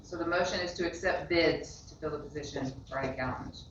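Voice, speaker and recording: A brisk, direct woman mayor runs a public council meeting. She is picked up from far off in a very echoey room. The sound is muffled and has steady background noise. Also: deep voice.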